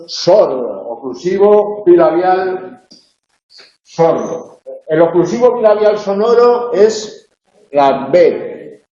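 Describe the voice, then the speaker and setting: A man's voice: high-pitched, lively intonation, slow, dark tone. A man teaching a university phonology tutorial in a classroom, explaining step by step with frequent "eh" and tag questions. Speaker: university lecturer. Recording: echoey room, dull lo-fi sound.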